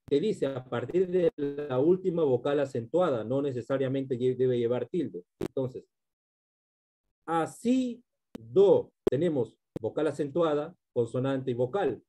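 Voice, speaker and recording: A man's voice: mid-range voice, warm tone. A male teacher giving a literature class, explaining step by step and often checking in with his students.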